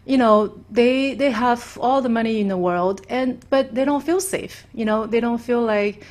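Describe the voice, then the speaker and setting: A woman's voice: on the high side, normal speed, darkish tone. A middle-aged woman from Taiwan, a podcast guest talking casually and at length, full of "you know" fillers. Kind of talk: casual conversation.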